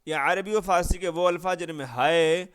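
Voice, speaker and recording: Male teacher for an exam-prep lesson, high-pitched, crisp, resonant delivery, constant check-ins with the class. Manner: drills with constant "right?" check-ins and rhetorical questions; reads out word lists slowly. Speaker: Urdu grammar teacher.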